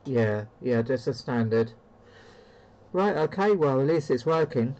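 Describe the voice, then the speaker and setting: A man with a mid-range voice and lively intonation speaks at a measured pace, chatting casually while demonstrating a CB radio rig through its handheld microphone. He's in an indoor room stacked with radio equipment, and the recording is muffled with background noise.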